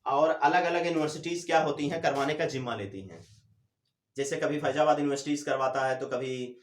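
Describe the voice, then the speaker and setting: A male teacher giving a classroom lecture, asking questions and answering them himself, drawing out words slowly to demonstrate. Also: on the high side, distant mic. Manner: drawls syllables slowly to demonstrate. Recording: echoey room.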